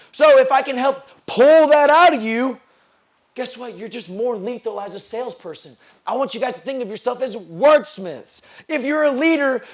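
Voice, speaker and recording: A man giving a motivational sales seminar speech in a hall, preaching and calling out to the audience. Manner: high-energy, preachy, calls out to the audience. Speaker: sales speaker.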